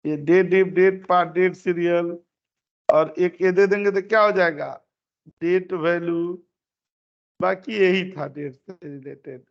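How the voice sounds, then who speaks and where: A male instructor with a high, gravelly voice talks an online class through each step, circling back over his own phrases. The sound is dull and lo-fi, like a meeting recording from a computer mic. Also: steady tone, unhurried. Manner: explains step by step, repeats phrases. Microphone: computer mic on a video call.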